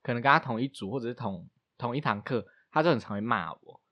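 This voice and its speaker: A young man, hosting a podcast and telling stories in lively, laughing casual chat. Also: mid-range voice, no room sound, dull audio. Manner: animated, fast storytelling with laughs. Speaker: podcast host.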